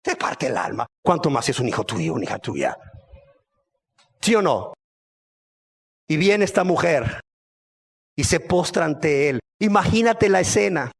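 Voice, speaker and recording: A male pastor preaching a sermon, animated, asking the congregation rhetorical questions and swinging from loud to hushed. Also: fairly high pitch, a little slow, creaky, long pauses, slightly rough.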